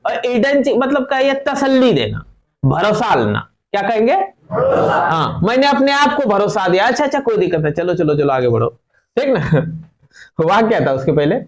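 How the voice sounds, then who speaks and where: A man teaching a class, explaining an English textbook passage in Hindi. He reads English phrases slowly, then explains them quickly, checking with the students. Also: sits high, very animated.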